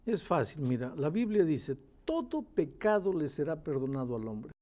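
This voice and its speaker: A man's voice: a little high, sing-song, normal speed, mellow. A man teaching the Bible in a question-and-answer study, emphatic and repeating phrases for stress as he reads verses aloud.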